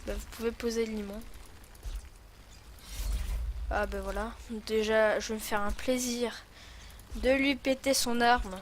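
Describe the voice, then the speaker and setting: A woman's voice: a little high, fairly even intonation, measured pace, long pauses, slight background noise. A woman with a lisp on her s sounds, rambling and thinking aloud in casual commentary as she hosts a gaming video.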